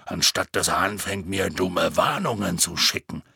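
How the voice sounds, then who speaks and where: A man voicing a huge, gruff half-giant groundskeeper with a slow, raspy, folksy way of talking. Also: sits low, sharp tone, dry recording, clean studio sound, voice pushed down, heavily acted. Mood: grim gruff. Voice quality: gravelly, raspy.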